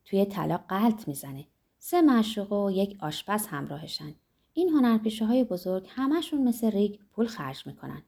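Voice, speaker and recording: A woman's voice: medium pitch, very animated, gravelly, dark tone, breathy edge, heavily acted. A woman reading the lines of a boastful, argumentative male pharmacist in an audiobook, in a self-satisfied, gossiping manner. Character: boastful talkative middle-aged male pharmacist.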